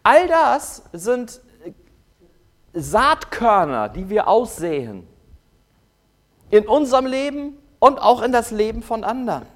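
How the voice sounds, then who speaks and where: A preacher giving a sermon who keeps asking the listeners rhetorical questions, checking in with short "ja?" tags and swinging between loud, stretched-out emphasis and quiet asides. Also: medium pitch, sing-song, slow, long pauses. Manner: swings from loud to soft, drawing out key words.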